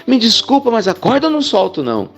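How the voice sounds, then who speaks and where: A man's voice: mid-range voice, expressive, fairly quick, soft background music, natural voice. A man voicing a desperate male mountain climber stranded on a rope, pleading and stubborn. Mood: panicked.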